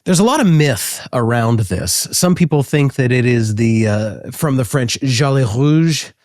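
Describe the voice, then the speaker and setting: Animated man hosting a history talk. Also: mid-range voice, measured pace, no room sound, clean studio sound. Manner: animated, joking, with frequent fillers. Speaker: host. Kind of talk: casual educational talk.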